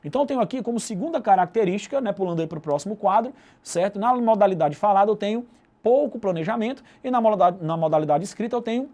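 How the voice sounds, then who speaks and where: A man's voice: sits high, darkish tone. A Brazilian man with a Brazilian Portuguese accent giving a recorded video lesson, explaining step by step and closing nearly every phrase with a tag question. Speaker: teacher.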